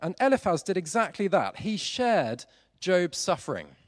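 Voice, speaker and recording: Male preacher, fairly high voice, lively pitch, long hall reverb; sermon delivery. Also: normal speed. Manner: animated, rising emphasis on key points.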